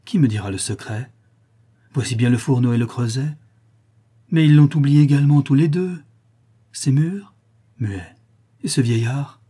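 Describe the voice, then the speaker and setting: A man's voice: medium pitch, normal speed, pauses often, warm tone, breathy edge, pitched above the performer's own voice, natural voice. A man voicing a fervent, greedy young male disciple of an alchemist, in an imploring, feverish manner. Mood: desperate. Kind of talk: audiobook character reading.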